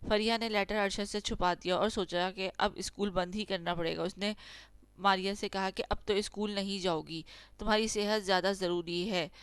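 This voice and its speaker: A woman storyteller narrating an emotional family story in a steady, earnest way. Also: medium pitch, smooth, dry recording.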